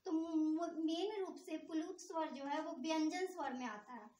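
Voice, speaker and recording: A woman teaches a grammar lesson in a very high voice, stopping often to quiz her students and then giving the answer herself. Her voice rings around a bare, echoey room. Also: measured pace, warm tone, slight background noise. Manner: asks the class questions and answers them herself.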